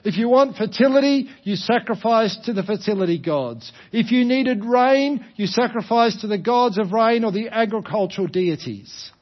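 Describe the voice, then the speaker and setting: An Australian man giving a sermon, explaining a parable with rhetorical questions and deliberate repetition for emphasis. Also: high voice, animated, muffled recording. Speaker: preacher.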